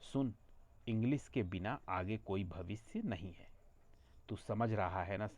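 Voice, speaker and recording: A man voicing a motherly middle-aged woman neighbor who is affectionate and quick to scold. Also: fairly low pitch, darkish tone, natural voice.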